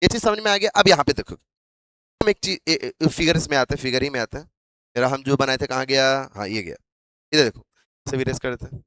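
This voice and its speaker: A man's voice: medium pitch, brisk, fairly bright tone, dry recording. A male biology teacher lecturing a class, asking questions over and over to drill his students.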